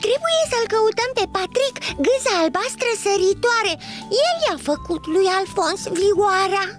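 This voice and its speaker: Gentle storybook bug craftsman, high and bright, voiced by a woman. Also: lively intonation, faint music behind. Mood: kindly. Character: shy, kindly blue hopping bug craftsman.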